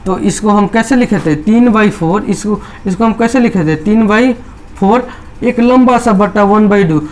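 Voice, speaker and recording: Man, maths teacher, high pitch, repetitive step-by-step explaining. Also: a little slow. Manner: repetitive, explains step by step, voices students' doubts. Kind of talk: chalkboard maths lesson.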